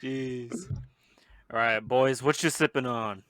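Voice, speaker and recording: A man's voice: mid-range voice, a little fast, fairly bright tone, no echo, studio quality. A man hosting a podcast in casual banter with friends, slangy and dropping Spanish words into his English. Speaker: podcast host.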